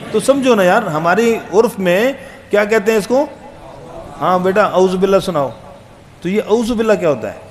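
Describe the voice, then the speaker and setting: A man teaching a Quran recitation lesson, quizzing the students and calling out letter sounds loud and long. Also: high voice. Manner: drills letters aloud, loud and drawn out; asks students questions, jokes. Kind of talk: classroom tajweed lesson.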